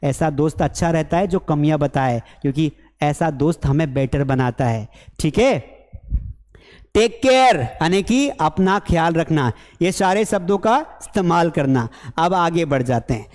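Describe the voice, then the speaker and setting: A man with a notably high voice runs an online spoken English lesson and keeps it lively and teasing. He playfully acts out the mistakes his learners make. His voice carries a long hall reverb. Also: a little slow. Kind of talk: online class lecture.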